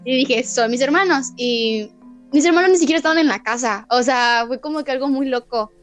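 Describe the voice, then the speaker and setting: A woman's voice: sits high, a little fast, faint music behind. A young adult woman with a Mexican accent, a podcast guest telling a story in casual chat, acting out the voices she quotes. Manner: animated, acts out quoted voices and laughs.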